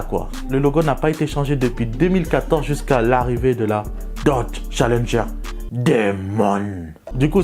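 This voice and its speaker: Joking slangy young man, mellow voice. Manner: slangy, self-mocking, jumps to excited high bursts. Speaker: vlogger. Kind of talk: casual joking commentary while drawing.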